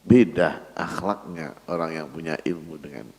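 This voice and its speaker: A man's voice: very deep voice, moderate pace, a little mellow. A male preacher giving a mosque sermon, asking the congregation rhetorical questions. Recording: echoey hall.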